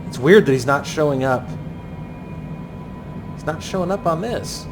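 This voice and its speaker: A man's voice: fairly high pitch, lively intonation, unhurried, over music. A man giving running commentary as he flies a landing approach, thinking aloud in clipped aviation jargon. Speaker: flight simulator pilot narrating.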